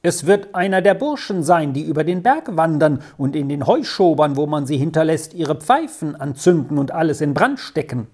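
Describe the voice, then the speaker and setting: A dry, curt farmer husband, put on by a woman reader in a storybook, his voice low and mellow. He brushes things off shortly. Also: expressive, normal speed, hardly any pauses, slightly rough, heavily acted.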